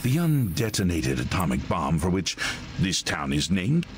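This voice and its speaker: An actor playing a suave, sinister recruiter who speaks in an oily, theatrical, condescending way. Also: male voice, low voice, very animated, normal speed, slight background noise. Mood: silky menace.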